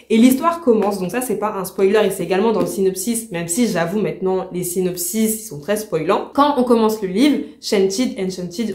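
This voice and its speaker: Indignant woman chatting in a roomy echo. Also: medium pitch. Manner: indignant, animated, slangy. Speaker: book vlogger. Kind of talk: casual book review chat.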